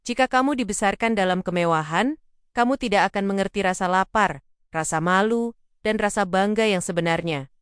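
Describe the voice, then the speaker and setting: A woman voicing a poor, gentle mother who speaks softly and with a trembling voice. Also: mid-range voice, a little fast, clean tone, dry recording, studio quality, lightly acted. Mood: tender. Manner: soft and trembling.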